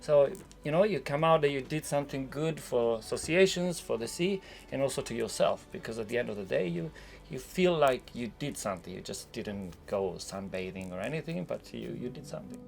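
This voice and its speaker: Male sailor as interview guest, creaky voice, informal reflective talk with light music underneath. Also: medium pitch, expressive, fairly quick. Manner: philosophical, rambling, informal.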